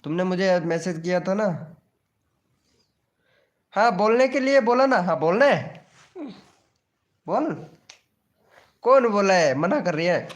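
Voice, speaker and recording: A man's voice: high-pitched, lively intonation, slow, pauses often, dull audio. A young man hosting a casual live stream, joking and teasing viewers by name.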